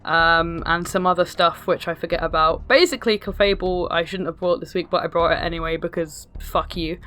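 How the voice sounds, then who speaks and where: A woman with a hoarse, sick-sounding smoker's rasp, giving casual, sarcastic, sweary game commentary. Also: on the low side, steady tone, fairly quick, a bit bright. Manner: sarcastic, self-deprecating, sweary. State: ill, hoarse. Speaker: video host narrating own battle. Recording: music behind the voice. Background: music.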